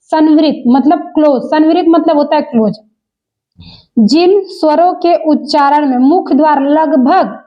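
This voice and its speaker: A woman teaches an exam-prep lesson in a high voice, taking her time. She repeats each point and keeps addressing the viewers as friends. The recording sounds dull and lo-fi.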